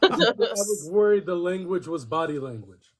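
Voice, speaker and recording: A man with a high voice plays along in pirate character. He tosses out quick quips over a voice call. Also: animated.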